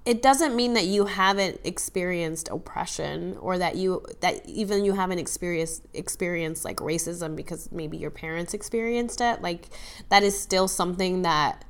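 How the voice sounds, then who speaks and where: A woman's voice: lowish voice, measured pace. A woman co-hosting a podcast in casual conversation, thoughtful and hesitant, with many fillers and restarts. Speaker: podcast co-host.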